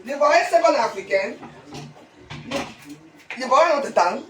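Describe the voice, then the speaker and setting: A woman's voice: high-pitched, lively intonation, moderate pace. A woman with a Cameroonian French accent ranting on a live stream, lecturing her viewers with rhetorical questions and a tagged "hein?". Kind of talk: scolding live-stream rant. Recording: roomy echo, faint noise.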